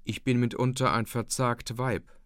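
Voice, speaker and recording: A man reading the part of a gentle, anxious young farm wife who speaks softly and worriedly. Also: medium pitch, little pitch movement, moderate pace, clean tone, no room sound, studio quality, natural voice. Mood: worried, tender. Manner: soft, worried.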